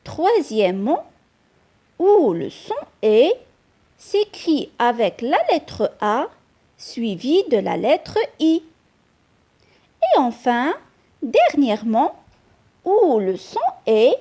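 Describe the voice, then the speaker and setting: A woman's voice: high-pitched, a little mellow. A woman teaching small children a spelling and syllable lesson, patient and sing-song. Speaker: kindergarten teacher. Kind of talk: slow scripted children's lesson.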